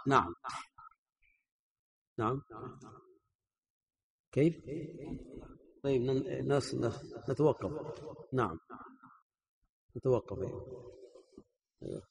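A man teaching a classical grammar text, repeating each phrase a student reads and then explaining it at a measured pace. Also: medium pitch, expressive, vocal fry, breathy edge, poor audio. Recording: recorded with crowd noise behind. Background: crowd noise.

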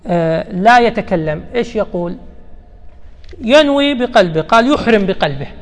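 Gravelly high-voiced man teaching in a hall. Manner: patient and explanatory, repeats key terms. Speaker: religious teacher. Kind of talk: lesson explaining a text. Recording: long hall reverb.

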